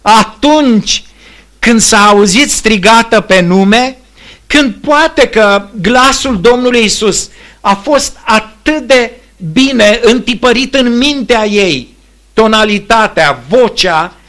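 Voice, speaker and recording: A man preaching a sermon, earnest and expressive, building his phrases toward emphasis. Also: sits high.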